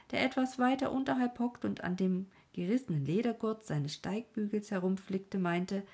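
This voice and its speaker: A woman reading an adventure story aloud as narrator, in a storytelling manner that turns softly hushed at times. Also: mid-range voice, slightly rough. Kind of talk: scripted audiobook narration.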